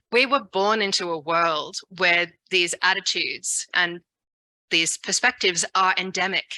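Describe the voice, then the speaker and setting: A woman speaks frankly and reflectively at a forum. Her voice is very bright and a bit low, and the sound is dry and close. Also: dry recording, low-quality recording.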